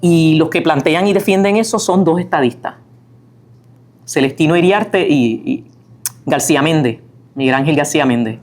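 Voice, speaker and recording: A woman's voice: low voice, moderate pace, darkish tone. A woman author giving a chatty talk, full of fillers and restarts, sometimes humming or singing lines to make a point. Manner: chatty, many fillers and restarts, tag questions; sings and hums lines of a song to illustrate. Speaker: author and guest speaker. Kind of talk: lecture-style talk.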